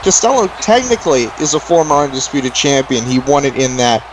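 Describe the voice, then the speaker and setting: A man's voice: medium pitch, fairly quick, background noise. A man doing live play-by-play as a wrestling commentator, exclaiming at moves and counting near falls.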